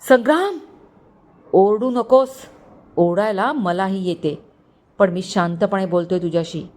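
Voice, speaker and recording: A woman's voice: medium pitch, a little slow, darkish tone, close to an everyday voice. A woman voicing an angry young groom who coldly scolds his former bride in a storybook reading. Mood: reproachful. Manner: stern, reproachful.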